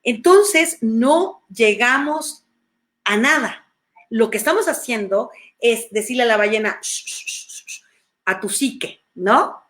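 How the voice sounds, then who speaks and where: A middle-aged woman with a Mexican accent giving an animated, conversational talk on emotions, often restarting her phrases. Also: a little high, unhurried. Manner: animated, acts out quoted voices, frequent restarts. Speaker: speaker on emotions.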